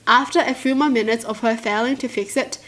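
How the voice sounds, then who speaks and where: A woman reading stories aloud and commenting on them casually, with an animated, exclamatory and indignant manner. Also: on the high side, fairly quick. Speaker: video host reading stories and reacting.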